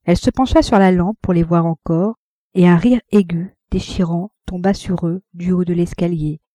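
A woman narrating a classic novel with a mellow, lowish voice. Her reading is measured and even, and the sound is dry and close, with no room around it. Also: dry recording. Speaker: audiobook narrator.

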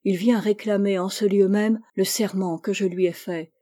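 A woman's voice: mid-range voice, fairly even intonation, normal speed, mellow, close to an everyday voice. A woman reading as an anguished young warrior. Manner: impassioned, pleading speech.

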